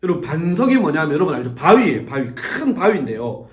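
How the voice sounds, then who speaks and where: A man preaching to a youth group in a church sanctuary. His voice sits high and moves through a wide, lively range as he tells the story. The sound rings around the room with a clear echo. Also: quick pace. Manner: animated storytelling, acts out quoted voices. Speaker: youth pastor. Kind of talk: sermon to teenagers.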